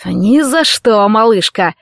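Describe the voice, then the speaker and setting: A woman's voice: a little high, animated, normal speed, dry recording, clean studio sound, natural voice. A woman voicing a brutal, jealous young male football player who growls and sneers. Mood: menacing.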